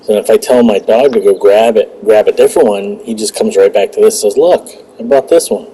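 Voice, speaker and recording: A man talks through a hunting game in a relaxed, rambling way, often restarting his words. His voice sits low and mellow, with a bit of game sound faintly behind him. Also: brisk, slight background noise, poor audio. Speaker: gaming channel host. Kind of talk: casual gameplay commentary.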